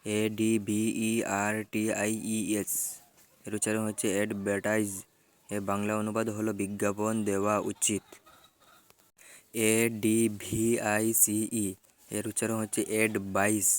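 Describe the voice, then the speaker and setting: A man teaching vocabulary, spelling out English words letter by letter and giving their Bengali meanings in a measured, even way. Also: lowish voice, clear, resonant tone.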